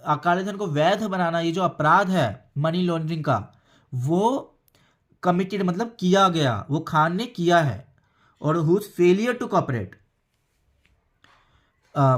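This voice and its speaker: A man teaching English from a newspaper, reading English phrases slowly with an Indian accent and explaining each word in turn. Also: high voice, a bit bright.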